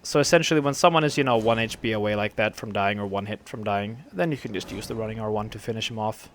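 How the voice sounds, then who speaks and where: Gravelly-throated man commentating a duel. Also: on the low side, fast. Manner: rambling, relaxed, many fillers. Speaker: gameplay commentator. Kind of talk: casual game commentary.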